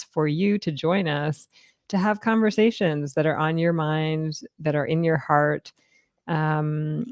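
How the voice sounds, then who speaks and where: Woman, co-host, calm, thoughtful, very slow pace, lowish voice, dry sound. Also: no room sound. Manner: calm and thoughtful, with warm laughs. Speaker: podcast co-host. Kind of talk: casual conversation.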